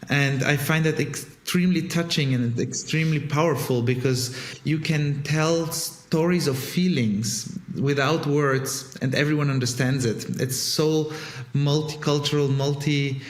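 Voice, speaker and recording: Thoughtful man in an echoey room. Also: a little high. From Bulgaria. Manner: thoughtful, frequent ums, some restarts. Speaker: guest, conductor and startup co-founder. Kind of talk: conversational interview. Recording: roomy echo.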